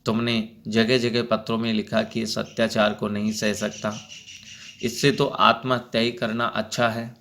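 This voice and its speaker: A man playing a cruel villain who mocks and shouts threats, his voice pushed up louder and higher than his usual low tone. He speaks slowly, like a schoolbook play being read aloud. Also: flat delivery, vocal fry, slight background noise. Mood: taunting. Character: cruel mocking male villain landlord.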